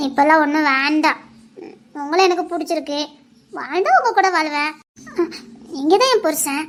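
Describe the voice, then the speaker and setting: A woman playing a shy, poor young village girl in love, speaking softly with a southern Tamil Nadu accent. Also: high-pitched. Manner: soft, bashful, pleading. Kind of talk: village romance drama acting.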